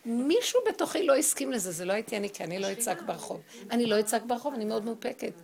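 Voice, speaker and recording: Middle-aged female spiritual teacher, slightly high voice with fry, emphatic storyteller. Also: expressive, crowd noise. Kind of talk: spiritual talk with personal storytelling.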